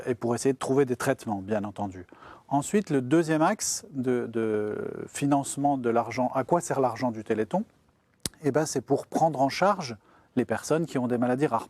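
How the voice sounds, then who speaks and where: A man's voice: medium pitch, animated, moderate pace, a little mellow. A man, a guest expert, explaining science simply on a broadcast show, step by step in plain words, as if to a child.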